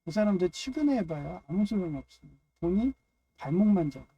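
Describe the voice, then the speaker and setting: A man's voice: high voice, very animated, brisk, breathy edge, highs cut off. A man giving a loose, rambling personal monologue on faith and family, dropping frequent "yes" fillers between phrases. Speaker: speaker of a personal religious talk.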